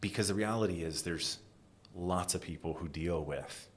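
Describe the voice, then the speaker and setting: A middle-aged American man from New England, a design executive giving an animated interview and dropping to a whisper for emphasis. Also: deep voice, moderate pace. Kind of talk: conversational interview.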